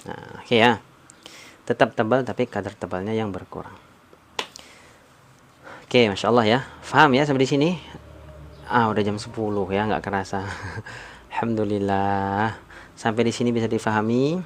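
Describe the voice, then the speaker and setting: A man teaching Quran recitation on a live stream, patiently repeating points, drawing out sounds slowly and coaxing viewers to answer in the comments. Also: fairly low pitch, fairly even intonation, slight background noise. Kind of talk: live-stream tajweed lesson.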